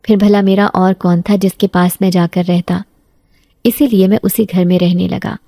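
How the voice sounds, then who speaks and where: A woman's voice: mid-range voice, level tone, vocal fry, warm tone, no echo. A woman reading as an orphaned young servant boy. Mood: wistful. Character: young orphaned male servant, gardener, sickly.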